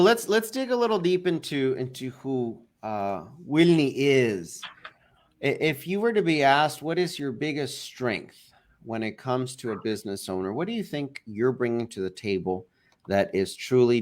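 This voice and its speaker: A man in a mid-range voice hosts a relaxed interview, friendly and casual in his wording. He keeps the talk moving with quick, slangy follow-up questions. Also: medium pitch. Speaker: host, interviewer.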